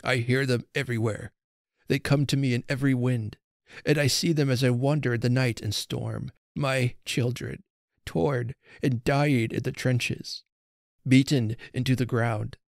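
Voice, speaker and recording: A man's voice: medium pitch, steady tone, unhurried, creaky, no echo, studio quality. A man voicing a sorrowful, frail old Father Christmas who talks in a trembling, mournful and pleading way. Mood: frightened.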